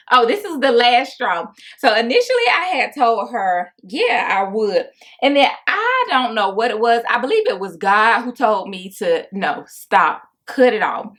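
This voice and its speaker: A woman's voice: medium pitch, a bit bright. A young woman, chatting casually to her viewers about a difficult client while she does her makeup, often exasperated. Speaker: makeup artist and vlogger.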